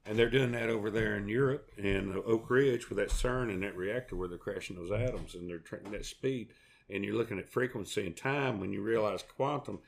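Low-voiced, rambling Southern man. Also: fairly quick, gravelly. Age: middle-aged. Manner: rambling, down-home. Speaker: podcast co-host. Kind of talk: folksy casual chat.

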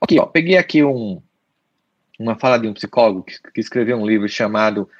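A man's voice: lowish voice, lively intonation, brisk, dry recording, highs cut off. A man with a Brazilian Portuguese accent giving an explanatory solo talk as a podcast host, repeating his key points and speaking straight to the listener.

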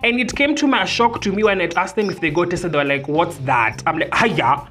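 A woman's voice: mid-range voice, sing-song, fast, a bit bright. A woman with a Kenyan accent hosting a casual podcast in a brash, campy, sultry drawl, bantering and swearing freely. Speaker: podcast host. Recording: music behind the voice. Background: music.

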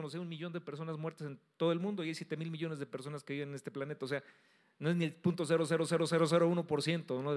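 Emphatic pastor, man preaching. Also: a little high. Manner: emphatic, swings between loud stresses and soft drops. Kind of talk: sermon.

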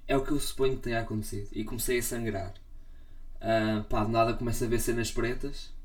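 Young male co-host, European Portuguese accent, mid pitch, brisk indignant rant. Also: fairly even intonation. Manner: indignant, ranting, defensive. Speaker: podcast co-host. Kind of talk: casual chat.

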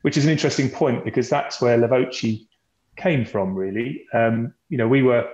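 As a company representative and podcast guest, a man explains the business in a conversational presentation style, often repeating words. His voice is mid-range, a little mellow and at normal speed. The recording has a dull lo-fi sound from a boxy, echoey room.

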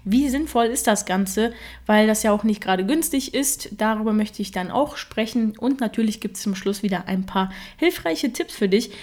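A young woman with a mid-range, somewhat dark voice chats at a moderate pace on her own solo podcast. She grew up in Germany speaking Russian as her first language, and her casual talk is full of fillers.

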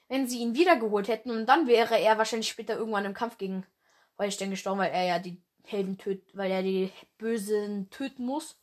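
A young woman with a cold hosts her own fan podcast, her nose stuffed up as she rambles casually with plenty of fillers and slang. Her voice is fairly high and fairly bright.

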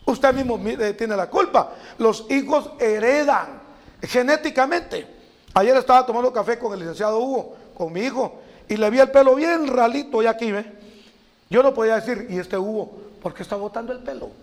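A middle-aged preacher man with a very high voice. He tells lively stories and acts out the people he quotes, chuckling along the way. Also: normal speed. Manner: animated, acts out quotes, laughs at his own stories. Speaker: preacher guest. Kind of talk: storytelling sermon chat.

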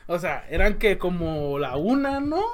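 A man's voice: high-pitched, sing-song, a little slow. A young man with a Mexican accent telling a story in casual podcast chat among friends, rambling and tagging every phrase with slang. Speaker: podcast co-host.

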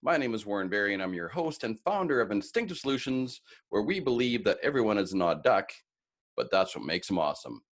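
A man's voice: fairly low pitch, sing-song, fairly quick. A man hosting a podcast interview, enthusiastic and chatty with some filler words. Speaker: podcast host. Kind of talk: casual interview.

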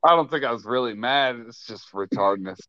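A man talking as a podcast guest in casual crude banter, loud, yelling often and swearing constantly. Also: medium pitch, animated, a little fast, no room sound, dull audio.

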